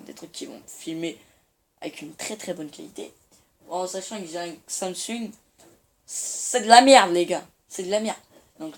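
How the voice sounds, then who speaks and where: A teenage boy chatting in slang while he plays a shooter and comments on it. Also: fairly high pitch. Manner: slangy, rambling, excitable. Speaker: gaming YouTuber. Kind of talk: casual gameplay commentary. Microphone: phone filming the screen. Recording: faint room noise, phone recording.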